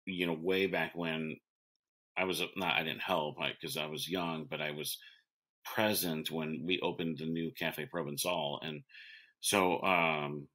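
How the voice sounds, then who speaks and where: A man's voice: extremely low pitch, steady tone, measured pace, sharp tone. A man in his forties, a restaurant owner and chef, talking casually in an interview and rambling through restarts and fillers. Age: 40s.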